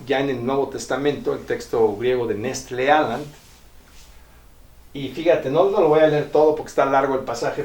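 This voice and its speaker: A man giving a Bible lecture. He explains step by step, often checks in with his listeners, and slowly sounds out ancient Greek terms. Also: mid-range voice, a little mellow. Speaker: Bible teacher. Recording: roomy echo, distant mic.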